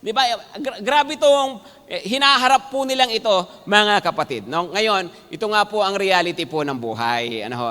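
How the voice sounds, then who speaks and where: A man preaching in a high, sharp voice. He keeps turning to the congregation with quick questions. His words ring out with the long reverb of a large church hall. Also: lively intonation. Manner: addresses the congregation and often checks in with "no?" and "amen po?". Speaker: pastor. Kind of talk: sermon. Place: church sanctuary.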